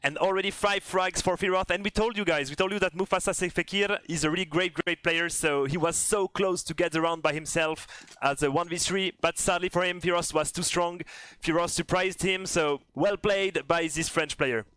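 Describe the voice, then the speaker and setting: A man's voice: high-pitched, steady tone, normal speed, few pauses, sharp tone, smooth, no echo. A man giving esports color commentary in a conversational way, explaining the teams' choices. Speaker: esports co-caster.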